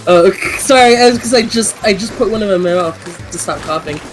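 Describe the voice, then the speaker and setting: A woman's voice: mid-range voice, moderate pace. A woman chatting casually on a game stream, giggly and talkative. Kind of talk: casual chat while gaming. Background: game music.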